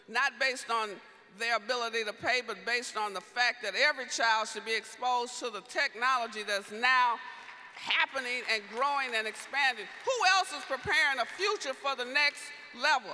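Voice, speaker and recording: A man gives an impassioned appeal, driving home one rhetorical question after another. His voice is very high and sharply bright. It carries a long reverb, as if he is speaking in a large hall. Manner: rousing, repeated rhetorical questions. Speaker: speaker for the organization.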